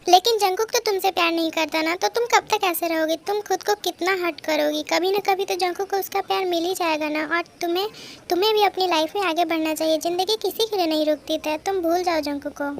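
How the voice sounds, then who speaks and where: Girl voicing a caring big sister type, soothing, very high voice. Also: brisk, a little hiss or hum. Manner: soothing, coaxing. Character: caring older sister figure, gently advising. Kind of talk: fan audio drama voicing.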